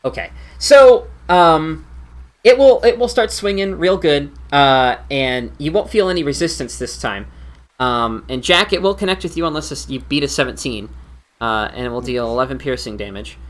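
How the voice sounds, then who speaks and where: A man's voice: on the high side, expressive, normal speed. A man narrating as game master of a tabletop game, talking loosely with many fillers and restarts.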